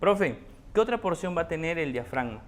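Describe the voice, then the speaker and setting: A man's voice: on the high side, very animated, brisk. A man voicing a curious young student who keeps asking the teacher questions. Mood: eager. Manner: eager, questioning.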